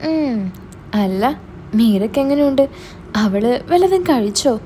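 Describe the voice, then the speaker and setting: Woman reading as a bossy older brother, scolding, mellow voice, storybook. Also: sits high, animated, unhurried, slight background noise. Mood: stern. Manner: scolding, demanding. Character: stern young adult older brother.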